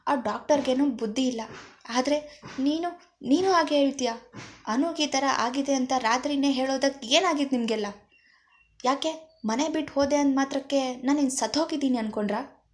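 A woman's voice: high voice, normal speed, pitched above the performer's own voice, lightly acted. A woman voicing a frantic grieving young woman. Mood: angry. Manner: pleading, tearful and frantic.

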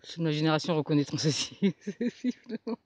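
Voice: mid-range voice, animated, fairly quick, a little mellow, slight background noise. A vlogger chatting informally outdoors on a forest path while giving tips to dog owners. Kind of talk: casual outdoor vlog, informal chat.

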